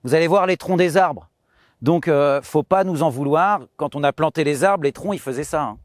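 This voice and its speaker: A man in his late thirties walks visitors through his farm, speaking casually with frequent pauses and fillers. His voice sits a bit high for a man. The sound is dry and close, with no room echo. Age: 30s. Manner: hesitant, many fillers and restarts. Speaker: farmer giving a farm tour. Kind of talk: casual spoken explanation. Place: outdoors on a farm.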